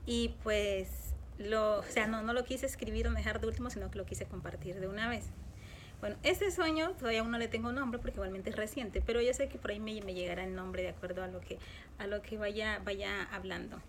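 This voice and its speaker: A woman telling a personal dream in casual spoken testimony, halting and repeating words as she goes, earnest and emotional. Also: medium pitch, a little hiss or hum. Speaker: dream-sharing video host.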